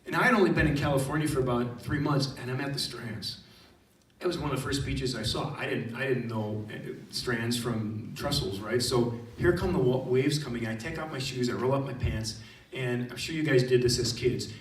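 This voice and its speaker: Male theology teacher, animated storyteller at a student retreat. Roomy echo, mic a little distant. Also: medium pitch, normal speed. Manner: storytelling, animated, addresses audience directly. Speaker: high school theology teacher. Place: indoor retreat room.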